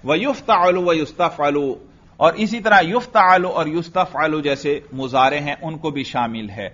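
A man's voice: fairly high pitch, normal speed, a bit bright, highs cut off. A man from Pakistan with a Pakistani Urdu accent, giving a classroom lecture on Arabic grammar, reciting Arabic terms and asking his students questions. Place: religious school classroom.

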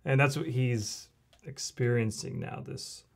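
Slow-spoken man hosting a faith talk. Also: mid-range voice, vocal fry. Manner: calm, affirming, teaching tone. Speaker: co-host of a faith reaction show. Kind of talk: casual chat reacting to a show.

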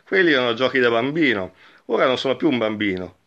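A man's voice: medium pitch, sing-song, fast, a bit bright, dull audio. A man voicing a selfish, impatient grown man in a parable, speaking in a brusque, dismissive way.

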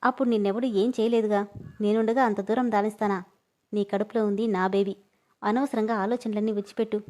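A woman voicing a loving, teasing young husband who protects his wife, speaking quickly and a little lower than her own voice. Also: flat delivery, darkish tone, close to an everyday voice. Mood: tender.

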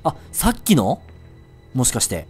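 A man commentating his own gameplay, excitable, yelping and swearing at enemies. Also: medium pitch, a little slow, breathy edge. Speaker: let's-play gamer. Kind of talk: live game commentary. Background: game audio and music.

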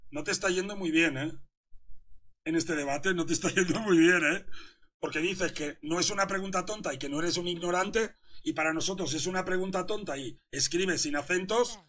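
A man's voice: high voice, brisk, bright, forceful tone. A young man, a poker coach commentating his hands live and teasing a viewer in chat.

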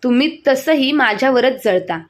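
A woman putting on a shrill bossy mother-in-law. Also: expressive, moderate pace. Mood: wailing, indignant. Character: angry domineering older mother-in-law.

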